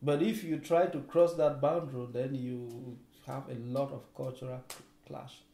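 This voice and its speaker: A man's voice: mid-range voice, fairly even intonation, a little slow, creaky, mellow, reverberant, a little hiss or hum. A man from Cameroon, a project field worker, speaking reflectively in an interview.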